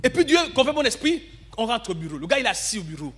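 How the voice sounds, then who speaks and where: A man preaching a storytelling sermon in church, acting out dialogue and swinging between shouting and low murmurs. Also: big pitch swings, fast talker, husky. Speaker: pastor.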